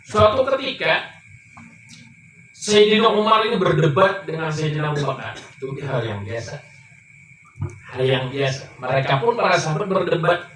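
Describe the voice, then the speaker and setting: Male preacher giving a sermon, storytelling voice that climbs up high, echoey hall, far from the mic. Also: animated, normal speed, pauses often, fairly bright tone. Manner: storytelling, rising high and emphatic. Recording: echoey room, mic far off, faint noise.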